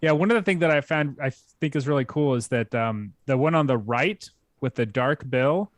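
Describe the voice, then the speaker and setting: A man's voice: medium pitch, lively intonation, moderate pace. A middle-aged man co-hosts a casual live stream about birds. He works through his explanations step by step, thinking aloud. The sound is dry, with no room echo. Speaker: co-host answering bird questions.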